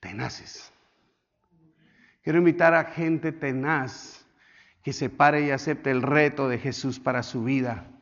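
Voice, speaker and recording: A man's voice: mid-range voice, fairly even intonation, unhurried, lo-fi sound. A male pastor with a Colombian accent preaching a sermon, repeating key words, urging the congregation to say them back, and acting out little scenes in shifting voices. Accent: Colombian Spanish. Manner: repetitive, exhortative, calls the congregation to repeat words.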